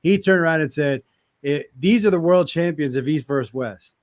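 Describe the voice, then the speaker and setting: A middle-aged American man chatting casually in a blunt, animated way with plenty of swearing. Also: a little high, moderate pace. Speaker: participant in arm wrestling live chat. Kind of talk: casual chat.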